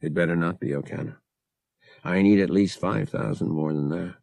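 A man's voice: deep voice, moderate pace, vocal fry, darkish tone, no echo, studio quality. A man voicing a cocky, hard-nosed young male smuggler who bargains bluntly.

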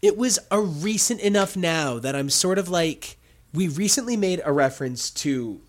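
Animated man ranting on a podcast. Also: sits high, moderate pace. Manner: animated, ranting, jokey asides. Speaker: podcast co-host. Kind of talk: casual chat.

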